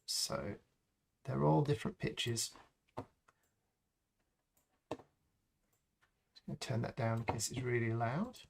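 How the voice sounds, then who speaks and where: A man talks slowly through a sound-editing session, his voice gravelly with a touch of fry. He thinks aloud as he goes, pausing with ums between steps in an unscripted tutorial. The pitch stays mid-range and relaxed. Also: slight background noise. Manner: slow, thinking aloud as he works, with frequent ums. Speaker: live stream host demonstrating sound design.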